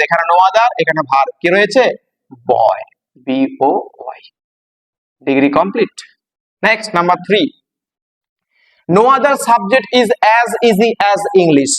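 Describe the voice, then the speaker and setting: A man teaching English grammar, slowly spelling words out letter by letter and stressing each step. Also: on the high side, fairly bright tone, big-room sound, low-quality recording. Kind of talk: classroom-style grammar lesson.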